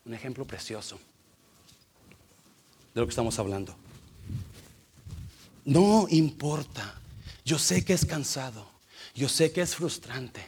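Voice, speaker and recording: Husky preacher, loud then hushed. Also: male voice, medium pitch, very animated, slow pace, long pauses. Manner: emotive, swings from loud to hushed, mixes in English fillers. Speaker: pastor. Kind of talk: sermon with storytelling. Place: church.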